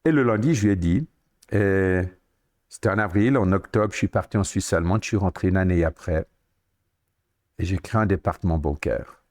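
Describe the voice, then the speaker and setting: Lower-voiced Swiss French man in his 60s. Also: normal speed. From Switzerland. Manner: lively anecdotes, acts out quoted dialogue. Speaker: podcast guest. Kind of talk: storytelling interview.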